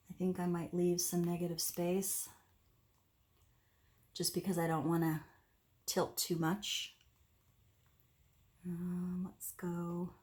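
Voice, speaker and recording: A woman casually talking through a hands-on craft demonstration step by step, in an unhurried way. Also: on the low side, dark tone. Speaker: host of an acrylic pour painting tutorial. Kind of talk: casual craft demonstration, narrating as they work.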